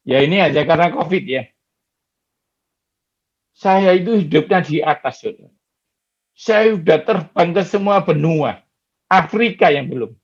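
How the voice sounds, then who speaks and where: A man preaches with a high, unhurried voice, dwelling on each phrase and telling stories with lively feeling. The recording is a little dull and lo-fi. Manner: animated storytelling, addresses listeners as "saudara". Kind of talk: sermon.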